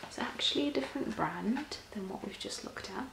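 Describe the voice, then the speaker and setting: Soft breathy woman, ASMR role-play, roomy echo. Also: mid-range voice, expressive, moderate pace. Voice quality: soft-spoken, often breathy and soft-spoken. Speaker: ASMR performer playing a personal shopper. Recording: roomy echo, clear background noise.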